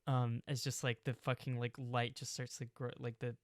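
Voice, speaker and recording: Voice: medium pitch, flat delivery, moderate pace, no echo. A game master narrating a tabletop role-play game, rambling through many fillers. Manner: rambling, many fillers, bursts into loud shouted character lines.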